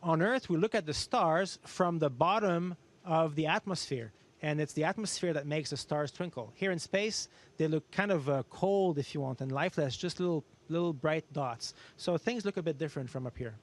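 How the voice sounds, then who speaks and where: A man with a fairly high-pitched voice speaks as an astronaut fielding questions. He explains things in simple terms, reaching for everyday comparisons in an educational style. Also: normal speed. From Canada. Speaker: astronaut guest answering students. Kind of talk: educational question-and-answer talk.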